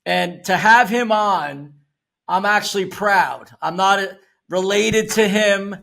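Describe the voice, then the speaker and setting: A man's voice: sits high, slow, creaky, sharp tone. An older man hosting a podcast interview, upbeat, loose and conversational. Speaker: podcast host.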